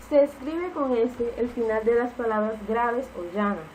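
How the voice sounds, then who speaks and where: A woman's voice: on the high side, moderate pace, a little mellow, a little hiss or hum, rough recording. A woman teacher giving a spelling lesson, explaining each rule patiently and repeating the key points.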